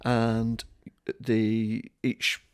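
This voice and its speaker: A man's voice: on the low side, completely flat delivery, drawn-out words, smooth, no room sound, studio quality. A man co-hosting a board game podcast, rambling in casual chat with wry jokes and frequent laughs. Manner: chatty, rambling, laughs often, wry joking. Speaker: podcast co-host.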